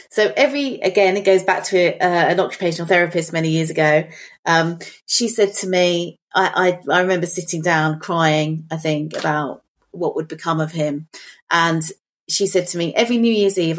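Speaking at normal speed in a low voice with fairly even intonation, this middle-aged woman co-hosts a podcast. The conversation is casual, and she reflects, tells stories, and works through her thoughts out loud.

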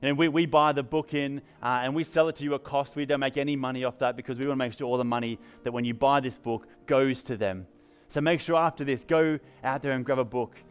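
A man's voice: medium pitch, fairly even intonation, fast talker, few pauses, clean tone. A man with an English accent preaching a sermon in a church, telling stories in an upbeat, conversational way. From England. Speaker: pastor. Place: church service.

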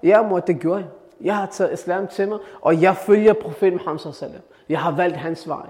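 A calm, steady young man, sure of his path and courteous even when pressed, voiced by a male preacher. His voice sits slightly high and carries a long echo in a reverberant hall. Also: natural voice. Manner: steady and polite. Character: calm, devoted young man, firm but gentle.

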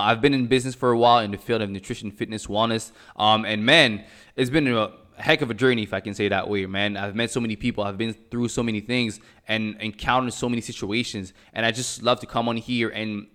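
A Cameroonian man raised in Montreal hosts a motivational podcast, speaking energetically and repeating phrases for emphasis. His voice sits on the low side.

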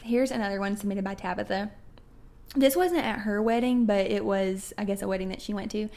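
A woman's voice: mid-range voice, brisk, dark tone. A young woman co-hosting a casual chat, reading listener stories aloud and laughing often. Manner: chatty, laughs often, reads submissions aloud. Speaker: podcast co-host.

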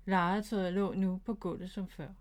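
A woman narrating a children's storybook in a calm, steady way. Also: mid-range voice.

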